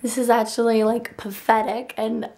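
Young woman vlogger, casual delivery, hoarse raspy whisper as if the voice is almost gone, slightly high register. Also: flat delivery, normal speed, a little mellow. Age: young adult. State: hoarse, nearly lost voice, dry throat. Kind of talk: casual vlog chat. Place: bedroom, indoors. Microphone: handheld camera at arm's length.

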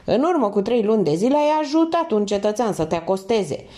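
An audiobook reader narrates a crime novel in the first person, raising her pitch for the characters' quoted lines. Her voice is warm, with big pitch swings.

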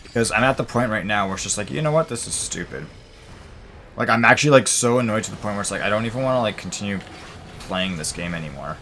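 A young adult man narrates his own gameplay for his gaming channel in a lowish, slightly bright voice that's quick and lively. He vents in exasperation and rambles with plenty of filler words over slight background noise.

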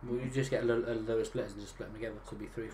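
A young Welsh man teasing his friends and narrating his gameplay with excitement. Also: fairly low pitch, racing. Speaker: gaming host. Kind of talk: casual gameplay banter. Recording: noisy room on one desk mic.

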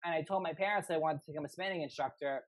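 A man's voice: on the high side, racing, dry recording, low-quality recording. Eager rambling young man on a video call. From New York, USA. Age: young adult. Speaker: spinning instructor guest. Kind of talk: casual video call interview.

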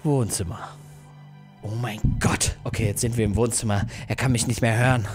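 A young man narrating a mobile game as a YouTuber, excitable and yelping in fright. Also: on the low side, normal speed, over music. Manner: excitable, yelps and shouts in fright. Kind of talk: let's play commentary.

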